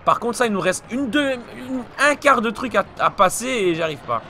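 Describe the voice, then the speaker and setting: A young man, still a little ill, commenting on his gameplay with frequent swearing and frustrated shouts. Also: very high voice, lively intonation, moderate pace, a little hiss or hum. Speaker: let's play gamer. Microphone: desk mic. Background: game music.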